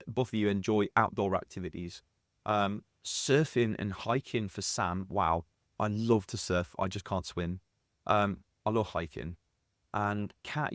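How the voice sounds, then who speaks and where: Mackem bloke putting it on a bit posh, lowish voice, podcast host chatting casually, dry sound. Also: male voice, no echo. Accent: Sunderland (Mackem), softened and posh. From North East England.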